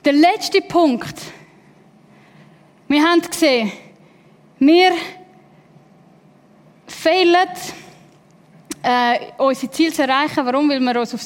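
A woman's voice: high voice, slow, pauses often. A woman preaching a sermon, driving points home with repeated phrases and rhetorical questions. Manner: emphatic repetition and rhetorical questions. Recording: long hall reverb.

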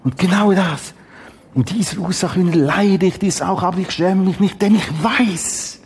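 A middle-aged man preaching a Bible teaching, dramatic and emphatic with exclamations and long pauses. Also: high-pitched, darkish tone, slight background noise.

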